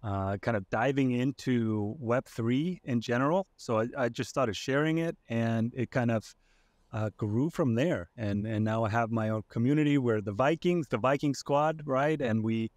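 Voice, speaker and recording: A young Icelandic man joins a podcast as a guest over a video call, using a headset in his home streaming room. His mid-range voice has no echo, and in this casual interview chat he is hesitant, full of fillers and restarts.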